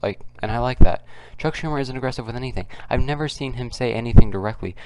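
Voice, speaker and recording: A man hosting a casual, unscripted commentary video, keeping his voice quiet and subdued and talking in a halting, repetitive way. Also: medium pitch, very noisy. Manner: kept quiet, subdued because others are nearby. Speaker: political commentary video host. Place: at home, others nearby.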